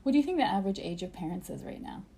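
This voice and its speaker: A woman co-hosting a podcast, animated and exasperated in casual chat. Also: mid-range voice, racing, slightly rough. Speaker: podcast co-host.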